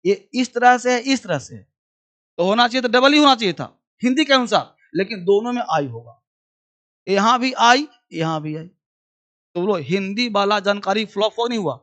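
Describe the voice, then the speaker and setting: A male teacher running a demo class on English spelling. He drills each sound by repeating words several times and firing quick questions at his students, and he addresses them fondly as children. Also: high voice, animated, fairly bright tone.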